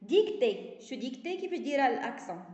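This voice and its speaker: A Moroccan woman teaching a primary-school French lesson. She reads French slowly and explains it in Moroccan Arabic. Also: sits high, big pitch swings, darkish tone, reverberant, big-room sound, dull audio. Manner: reads French sentences slowly, then explains them quickly in Darija.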